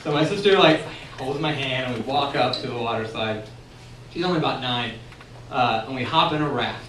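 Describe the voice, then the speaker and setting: A young man from Texas telling a funny personal story on stage at a bar, animated and laughing as he goes. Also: medium pitch, normal speed. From San Antonio, Texas. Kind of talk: comic personal story told live. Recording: echoey room recording from far off, noisy.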